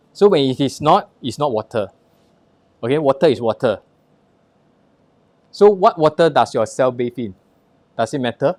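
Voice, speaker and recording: A man's voice: medium pitch, darkish tone, no room sound. A man with a Singaporean accent presenting a live product demonstration, instructing the audience in short punchy phrases and rhetorical questions, with personal anecdotes mixed in.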